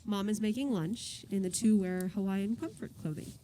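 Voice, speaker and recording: A woman's voice: medium pitch, normal speed, mellow, a little hiss or hum, poor audio. A woman reading stage directions aloud as narrator of a musical, in a plain, matter-of-fact way with dry little asides.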